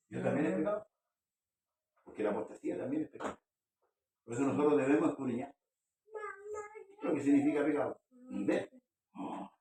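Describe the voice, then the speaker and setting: Earnest preaching pastor, echoey hall. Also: male voice, mid-range voice, darkish tone, a little hiss or hum. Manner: earnest preaching, questions to the congregation. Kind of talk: sermon. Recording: echoey room, far from the mic.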